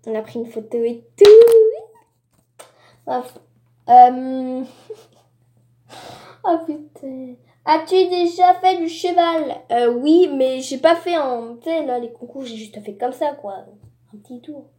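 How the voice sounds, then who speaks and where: A woman's voice: high voice, takes it slowly, dark tone, roomy sound. A woman vlogger from France reading tag questions aloud and answering them in a casual, rambling way with asides. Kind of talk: casual tag-video chat.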